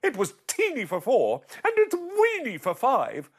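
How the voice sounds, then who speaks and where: Guy putting on a high wobbly little old lady voice, fussy and flustered, swooping all over, slow. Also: huge pitch swings, slightly rough, heavily acted. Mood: pleading. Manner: high, wailing and pleading.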